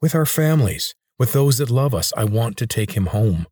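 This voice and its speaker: A man's voice: mid-range voice, big pitch swings, normal speed, dark tone, dry recording, clean studio sound. A man voicing an earnest young male hero in a storybook reading.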